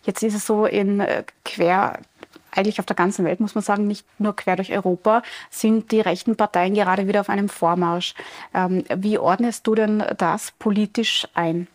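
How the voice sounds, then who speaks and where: A woman's voice: mid-range voice, steady tone, normal speed. A woman hosting a TV interview, asking questions in a friendly, conversational way. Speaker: TV host. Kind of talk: broadcast interview.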